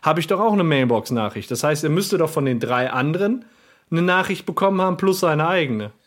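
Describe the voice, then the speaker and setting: Male co-host, slightly high voice, inquisitive and reasoning. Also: expressive, fairly quick, a bit bright. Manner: questioning, reasons things through, laughs often. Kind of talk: casual podcast chat about a cartoon episode.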